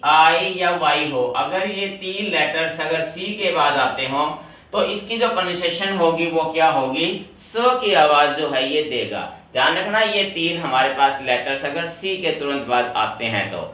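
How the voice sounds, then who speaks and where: Male teacher, bright voice, recorded off-mic in a very echoey room. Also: fairly high pitch, distant mic. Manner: explains step by step, repeats rules, addresses students directly. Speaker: English teacher. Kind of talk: classroom video lesson.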